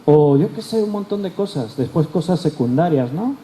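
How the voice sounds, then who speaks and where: A man's voice: on the high side, lively intonation, normal speed, dark tone, a little hiss or hum. A male pastor, teaching a Bible study. He explains patiently and often repeats or rephrases his key words. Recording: roomy echo with faint background ambience.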